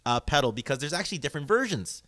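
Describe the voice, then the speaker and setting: A man's voice: fairly high pitch, very animated, rapid-fire, a bit bright. A man hosting a podcast, chatting with enthusiasm about guitar effects and laughing often. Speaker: podcast host. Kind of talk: casual gear chat.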